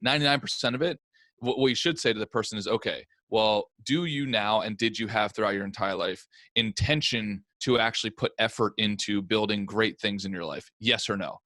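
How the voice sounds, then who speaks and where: A man's voice: on the low side, a little fast, pushed and bright, no echo. A man hosting a podcast, talking in a casual, earnest and emphatic way. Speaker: podcast host.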